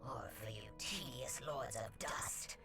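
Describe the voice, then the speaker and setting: An actor voicing a menacing, imperious demon spider queen in a video game, with a gravelly demonic voice and theatrical delivery. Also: mid-range voice, slow. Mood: scornful. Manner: theatrical, commanding. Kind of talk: video game villain acting. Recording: loud game music over voice.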